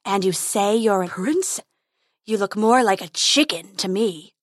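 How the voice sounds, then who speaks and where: A woman voicing a huge, gruff male dragon who growls his words slowly. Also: medium pitch, lively intonation, no room sound, clean studio sound. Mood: mocking. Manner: slow, growling.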